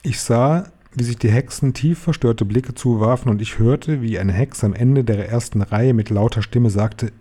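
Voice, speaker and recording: A man reads a children's novel aloud in a calm, measured way. His voice sounds warm and dark, at an ordinary male pitch. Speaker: reader.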